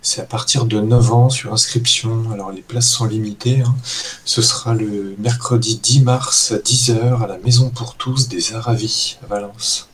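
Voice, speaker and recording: A man's voice: on the low side, steady tone, moderate pace. A man co-presenting a radio show and reading short announcements. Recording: faint background noise.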